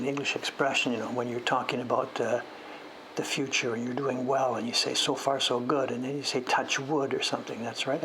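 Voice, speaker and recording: A man who streams himself carving woodblock prints chats casually while he works, rambling and self-deprecating, chuckling as he recounts a story. He has a mid-range voice, and there is background noise.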